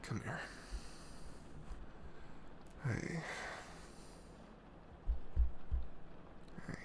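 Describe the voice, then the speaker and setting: A young man plays a caring, protective best friend in an intimate ASMR roleplay, speaking haltingly, soothingly and earnestly, sometimes dropping to a whisper. The mood is tender and reassuring, with noise in the background.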